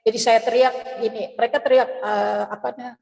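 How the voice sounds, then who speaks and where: Woman, middle-aged, giving a personal church testimony, fairly high voice, lively retelling, long reverb. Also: fairly quick, gravelly. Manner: lively storytelling, acts out the voices of the people in her story. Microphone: video call.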